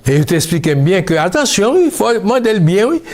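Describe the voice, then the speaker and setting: A man from Haiti, speaking as an interview guest, recalling his childhood in a slow, musing way that mixes Creole and French. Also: sits high, big pitch swings, darkish tone. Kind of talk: reflective interview talk.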